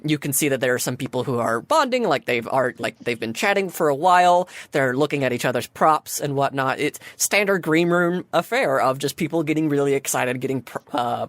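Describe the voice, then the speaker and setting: A woman's voice: very deep voice, dry recording. A woman narrating a tabletop game as game master, chatty, with many fillers.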